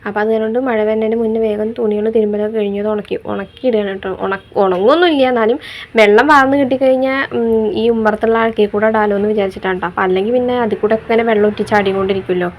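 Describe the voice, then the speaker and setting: A woman's voice: medium pitch, steady tone, racing. A young mother from Kerala, narrating her daily chores in a chatty voice-over. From Kerala, India. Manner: chatty, tags sentences with a soft "you know". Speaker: vlogger mother. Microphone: voice-over recorded separately.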